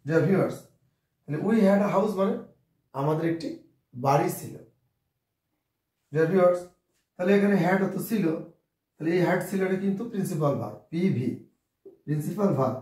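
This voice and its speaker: A man with a Bengali accent teaching an English grammar lesson slowly and deliberately, spelling sentences out word by word and addressing dear viewers again and again. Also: sits high, darkish tone, echoey room, far from the mic. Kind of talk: slow classroom-style grammar lesson.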